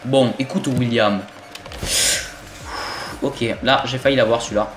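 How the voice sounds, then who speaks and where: A young man from southern France with a southern French accent, giving excitable, swearing gameplay commentary as he plays an online shooter. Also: mid-range voice, a little slow. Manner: excitable, swears often, jokey asides. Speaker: gaming YouTuber. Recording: roomy home recording with game music.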